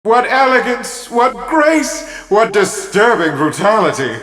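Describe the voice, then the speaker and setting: An actor playing a sardonic, flamboyant lord of the underworld in a video game, drawling and mocking, in a distant reverberant sound. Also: male voice, high-pitched, very animated, takes it slowly, fairly bright tone, exaggerated voice. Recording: roomy, distant, long reverb.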